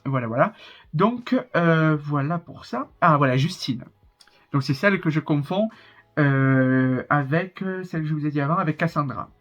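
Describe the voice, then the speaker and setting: Young man, southern French accent, fairly high voice, rambling reaction chat, slightly muffled recording. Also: moderate pace, fairly bright tone. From southern France. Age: 20s. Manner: chatty, rambling, laughs often. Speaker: reaction YouTuber. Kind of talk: casual reaction commentary.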